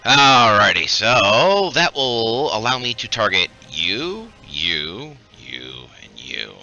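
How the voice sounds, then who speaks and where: Male tabletop player, playfully dramatic. Low, very forceful voice, slightly muffled recording. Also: very animated, slow, soft background music. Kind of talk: improvised game narration and casual table talk.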